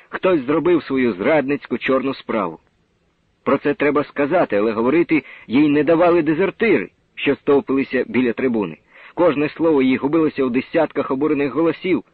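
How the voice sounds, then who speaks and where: Husky man narrating an audiobook. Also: medium pitch, no room sound. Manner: measured storytelling. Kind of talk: scripted narration. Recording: dull lo-fi recording.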